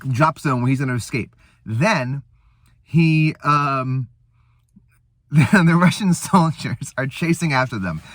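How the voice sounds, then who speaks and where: A man's voice: a little high, a bit bright, dry recording. A man hosting a casual eating show, rambling and laughing as he retells a movie between bites. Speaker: host. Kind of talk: casual chat.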